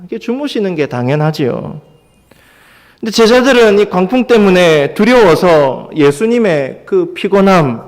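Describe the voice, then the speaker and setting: A man preaching a Sunday sermon as pastor, now and then acting out the voices of the people in the story with raised intensity. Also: on the high side. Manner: dramatizes the disciples' cries in a raised voice. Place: church sanctuary. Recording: long church hall reverb.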